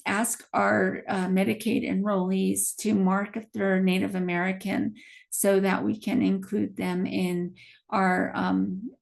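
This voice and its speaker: Woman losing her voice, gravelly. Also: medium pitch, darkish tone. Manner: halting, many ums, restarts. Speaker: health plan community presenter. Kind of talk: presentation to a community meeting.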